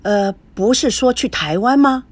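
A woman's voice: on the high side, animated, measured pace. A woman reading an audiobook, voicing a young grandson who dodges and reassures. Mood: curious. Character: young man, grandson, evasive and warm.

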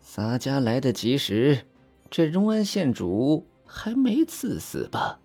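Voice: mid-range voice, sing-song, slow, dark tone, soft background music, pitched below the performer's own voice, full character voice. A reader putting on a smug, drawling young palace eunuch.

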